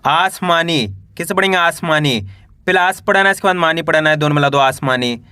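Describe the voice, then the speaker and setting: High, bright-voiced male Hindi teacher. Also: animated, smooth, dry recording. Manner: spells each syllable slowly, then says the whole word; addresses viewers as friends. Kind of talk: slow syllable-by-syllable reading lesson.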